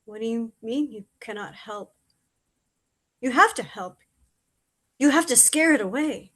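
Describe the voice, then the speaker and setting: A woman's voice: a little high, animated, measured pace, a bit bright. A woman voicing a frightened, desperate crow who pleads and grows breathless. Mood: pleading. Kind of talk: audio drama reading.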